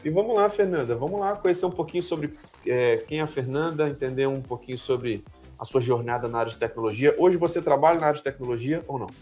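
A man's voice: mid-range voice, quick pace, few pauses, a little mellow. Man, podcast host, upbeat casual interviewer, faint music bed. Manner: upbeat, with frequent "que legal" and "show de bola".

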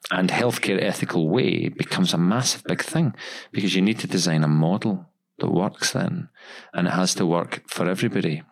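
A man's voice: deep voice, normal speed, creaky, hardly any pauses. A man hosting a podcast, talking about running a practice in long, emphatic runs with many repeated words. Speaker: podcast host, dental practice owner. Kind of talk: casual podcast discussion.

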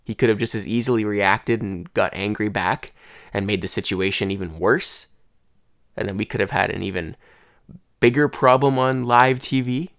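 Young male podcast host, stuffed-up and congested, low-pitched and close and dry, rambling solo talk. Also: moderate pace, a bit bright, no room sound. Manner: rambling, conversational, with restarts. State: congested throat and head. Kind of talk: casual solo monologue.

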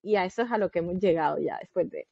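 A woman's voice: fairly low pitch, racing, gravelly, dark tone, no room sound. A woman, a podcast guest earnestly explaining parenting through long anecdotes. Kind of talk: casual podcast conversation. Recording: dull, dry sound.

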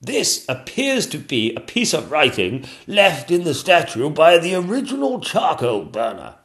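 A fussy old king with a raised, loud and slow voice, as a man puts him on. He is pompous and dawdling in his speech. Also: a little high, wildly swooping pitch, pitched above the performer's own voice, exaggerated voice.

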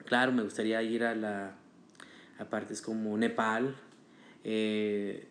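A man's voice: fairly low pitch, level tone, slow, echoey room, slight background noise. A man talking as a guest on a casual podcast, chatty and hesitant, with many fillers and restarts.

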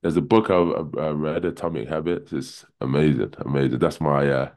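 A man with a remarkably low, deep voice appears as a guest on a casual podcast, talking loosely and at length at a moderate pace. Relaxed and rambling, he leans heavily on "kinda" and "you know" while working through his points.

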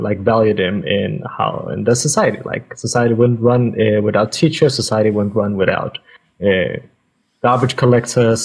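A man in his thirties from Denmark, a guest on a video-call podcast, talking in a relaxed, rambling way. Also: lowish voice, husky. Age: 30s. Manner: relaxed, rambling, many fillers. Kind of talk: casual podcast chat.

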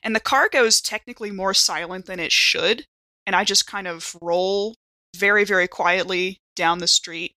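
A woman playing a tabletop roleplaying game chats casually, improvising her character's actions and bantering, hedging often with "kind of" and "like." Her voice is medium in pitch with a moderate pace and a sharp tone, and the recording is dry.

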